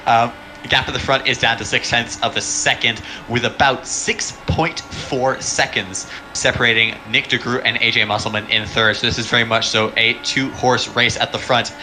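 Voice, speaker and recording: Sharp-voiced punning male race commentator. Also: medium pitch, fairly even intonation, slight background noise. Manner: quick, chatty, punning asides. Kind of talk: sim racing commentary.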